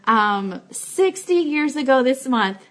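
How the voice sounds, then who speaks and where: A woman with a high, animated voice takes her time as she speaks. Hosting a fan livestream from an office, she chats informally with viewers, making announcements and expressing thanks.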